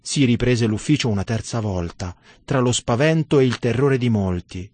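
Man, devotional sermon reading, solemn and measured, dry close sound. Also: medium pitch, animated, darkish tone, no room sound. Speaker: religious narrator.

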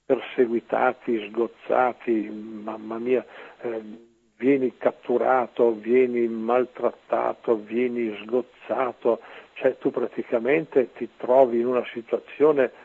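A man, a priest, giving an earnest, preachy commentary on scripture over the radio, with a gravelly, husky voice. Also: medium pitch, little pitch movement. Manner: earnest, preachy, often pausing on "ecco". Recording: narrow phone-like radio sound.

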